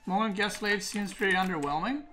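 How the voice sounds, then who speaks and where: A man streamer thinking aloud in casual gaming commentary, relaxed and full of "like". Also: sits high, brisk, soft background music. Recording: noisy stream mic.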